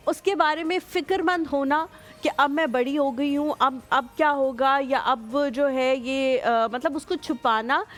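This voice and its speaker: A woman's voice: high-pitched, unhurried, a bit bright. A woman, co-hosting a morning show, upbeat and encouraging, mixing in English phrases. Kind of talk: casual TV chat.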